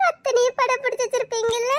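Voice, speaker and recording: A woman's voice: very high-pitched, little pitch movement, fast. A woman playing a heartbroken young female student who speaks with a Tirunelveli Tamil accent and keeps reproaching a lover through sobs. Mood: tearful reproach. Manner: sobbing, accusing and reproachful. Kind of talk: Tamil melodrama acting.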